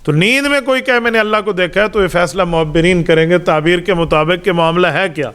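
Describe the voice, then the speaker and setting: A middle-aged man preaches a Ramadan Quran lesson with a fairly high voice for a man. He tells religious stories, gives each quoted speaker a voice of his own, and presses his points home with emphasis. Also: a bit bright, smooth. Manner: storytelling, acts out quoted dialogue; explanatory, emphatic. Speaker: mufti, Islamic preacher.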